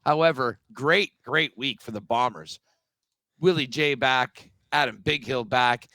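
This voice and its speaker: A man's voice: medium pitch, measured pace, sharp tone, no echo. Man on a video call, chatty sports talk. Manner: chatty, loose, with frequent um and uh. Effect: remote guest on a video call. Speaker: sports betting podcast co-host. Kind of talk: casual sports betting chat.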